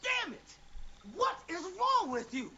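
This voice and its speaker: A man's voice: very high voice, sing-song, slow, bright, forceful tone, dull audio, slight background noise, exaggerated voice. A man playing a stubborn, protective, hot-tempered father in a naturalistic TV drama. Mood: furious.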